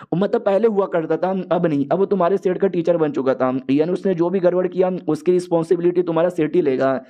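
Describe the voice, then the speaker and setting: A man's voice: high-pitched, fast, highs cut off, natural voice. A man voicing a boastful, scheming young male villain who taunts and mocks his foes in an anime recap. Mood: taunting. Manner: taunting, mocking.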